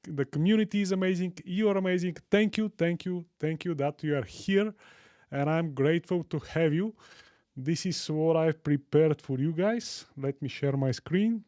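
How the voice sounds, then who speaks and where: A Bulgarian man in his forties hosting a live tech stream, enthusiastic and warm toward viewers, often repeating himself as he goes. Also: a little high, moderate pace, dry recording, studio quality. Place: home studio room. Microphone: studio mic on boom arm.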